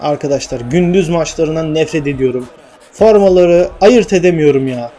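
A young man commentating his own football video game, urging his players on and shouting when chances come. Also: fairly high pitch, moderate pace. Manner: excitable, shouts at players, mutters to himself. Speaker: gaming channel host. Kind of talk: live gameplay commentary.

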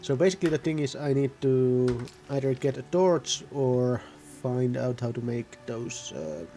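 A man's voice: mid-range voice, expressive, unhurried, mellow. A man giving casual, rambling gameplay commentary, often correcting himself mid-sentence. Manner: rambling, self-correcting, offhand. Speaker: gaming video host.

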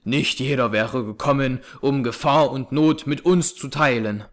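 A man's voice: medium pitch, measured pace, close to an everyday voice. A man reading aloud, voicing a frightened older farmer and father who speaks anxiously. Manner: anxious and breathless. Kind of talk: audiobook character reading.

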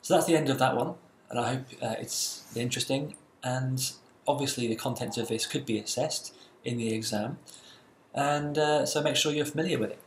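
A man delivers a university lecture at a mid-range pitch, explaining step by step with the odd "uh". The recording picks up a roomy echo and a faint hiss underneath. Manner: explanatory, measured, with some fillers.

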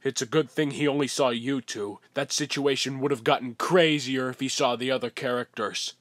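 A man's voice: medium pitch, fairly even intonation, normal speed, fairly bright tone, no echo, natural voice. A man playing a short-tempered cartoon everyman, sardonic and long-suffering. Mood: exasperated.

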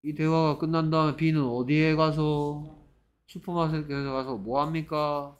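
A man teaching English grammar to middle school students, who reads example sentences slowly and breaks into mock-exasperated scolding asides. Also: fairly high pitch, little pitch movement, smooth, muffled recording. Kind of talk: grammar lecture.

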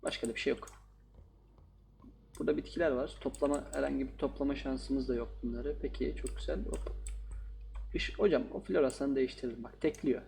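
Gravelly man joking through a horror game. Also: medium pitch, fairly even intonation, a little fast, a little mellow, a little hiss or hum. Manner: joking, talks back to game characters. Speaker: gaming YouTuber. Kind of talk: casual horror game commentary.

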